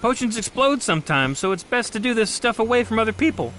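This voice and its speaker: A man's voice: high voice, big pitch swings, fast, a bit bright, a little hiss or hum. A man voicing a quirky, laid-back forest wizard in a cartoon who rambles offhandedly. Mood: rambling. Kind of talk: cartoon voice acting.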